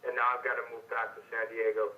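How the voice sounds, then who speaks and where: A man's voice: fairly low pitch, completely flat delivery, fast, pushed and bright. A man on the other end of a sales call, heard over a speakerphone, hesitant and stammering. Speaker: homeowner taking a sales call. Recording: dull phone line on speakerphone.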